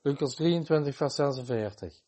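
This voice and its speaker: A man's voice: mid-range voice, moderate pace, warm tone. A man preaching a sermon, quoting scripture with chapter and verse in an emphatic manner.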